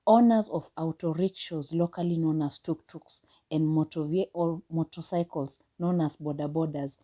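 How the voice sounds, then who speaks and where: A woman reading a scripted narration in a measured, formal way. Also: low-pitched, fairly even intonation, dark tone. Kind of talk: scripted narration, read aloud.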